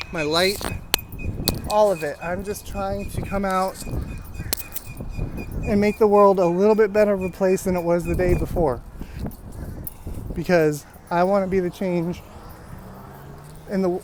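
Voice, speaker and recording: High-pitched man, earnest motivational vlogger outdoors. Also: background noise. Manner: earnest, encouraging, halting with trailing pauses. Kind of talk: walk-and-talk vlog monologue, motivational. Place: outdoors, walking in rainy weather.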